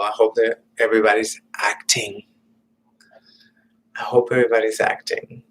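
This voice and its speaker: A man talks to his camera in a loose, meandering monologue at a very slow, unhurried pace. He stops and restarts often and trails off into quiet, whispered asides. His voice sits at an ordinary middle pitch. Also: low-quality recording. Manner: halting, meandering, many fillers and restarts; drops to muttered, whispered asides. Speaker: vlogger. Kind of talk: casual rambling monologue.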